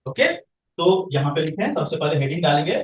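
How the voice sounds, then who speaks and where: Recorded at a distance in a reverberant room, this male science teacher speaks a little fast, his voice slightly high and expressive. He lectures the class, posing questions to the students before answering them himself.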